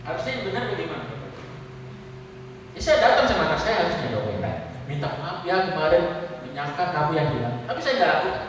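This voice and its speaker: A man's voice: a little high, very animated, quick pace. A man preaching in a church service, telling a candid personal story and speaking directly to the congregation. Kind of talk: conversational testimony sermon. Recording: echoey hall from far off, faint hiss.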